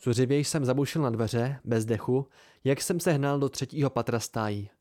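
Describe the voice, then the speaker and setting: A man reading a novel aloud in the first person with a measured, even delivery, recorded at home close to the mic. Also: medium pitch. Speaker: amateur audiobook reader. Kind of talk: first-person audiobook narration.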